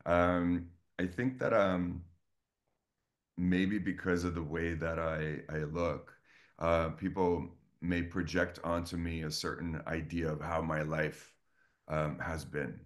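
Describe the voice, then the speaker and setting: A guest coach from Estonia speaks slowly in a low, flat voice. In a casual video-call interview he's earnest and effusive, restarting his sentences often.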